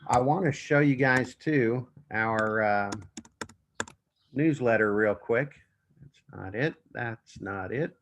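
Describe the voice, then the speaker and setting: A man leading his office team through a meeting over a group video call, talking in a halting way with many fillers and restarts. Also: mid-range voice, a bit bright, a little hiss or hum. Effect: heard over a group video call. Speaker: real estate office leader running a team meeting. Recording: muffled, dry video-call audio.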